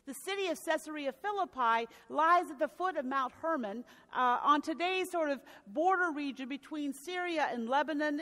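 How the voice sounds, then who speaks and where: A woman pastor delivers a storytelling sermon in a high voice. Her words ring out through a church with a long reverberation tail. She sometimes stops and restarts a phrase. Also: a bit bright. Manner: storytelling preaching with occasional restarts. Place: church sanctuary.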